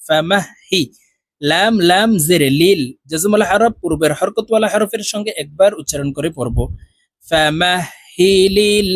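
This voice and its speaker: A man teaching Quran reading, spelling out syllables letter by letter and drawing out the joined words in a slow, deliberate drill. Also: high voice, no room sound. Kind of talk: spelling out Arabic syllables slowly, then chanting the words.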